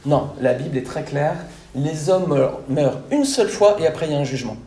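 A man's voice: fairly high pitch, animated, fairly quick, roomy sound, crowd noise. A man preaching a sermon to his congregation, teaching step by step and often checking with "d'accord?". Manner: didactic, repeats "d'accord?" to check understanding. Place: church hall.

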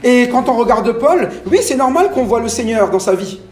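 A man's voice: very high-pitched, moderate pace, echoey room. A man from France with a French accent, preaching a sermon and putting questions to the congregation. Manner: animated, asks the congregation questions.

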